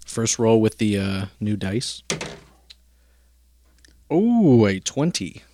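A man's voice: on the low side, fairly even intonation, unhurried, darkish tone, a little hiss or hum. A man playing a tabletop game, casually describing what his character does. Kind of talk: casual animated table talk.

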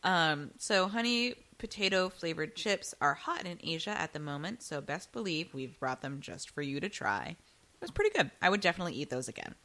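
Young woman co-host, relaxed and chatty, slightly low voice that moves a lot. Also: a little fast. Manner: chatty, laughs often, reads from a booklet. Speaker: co-host reviewing snacks. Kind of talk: casual chat.

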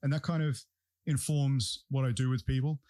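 A man's voice: mid-range voice, fairly even intonation, normal speed, dark tone, dry recording. A man hosting a podcast, talking casually in a blunt, opinionated way. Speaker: podcast host and breathwork practitioner. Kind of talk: casual conversational talk.

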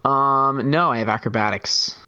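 A man playing in a tabletop role-playing session, his voice mid-pitched. He speaks earnestly and gets straight to the point, recorded close and dry. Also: moderate pace, bright, forceful tone, smooth, no room sound, dull audio. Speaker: player. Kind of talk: tabletop role-play chat.

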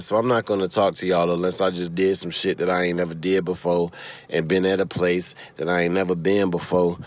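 This casual solo podcast comes from a man from Chicago who talks from his car in a lowish voice with a Chicago accent. He wanders freely, laughs a lot and curses throughout.

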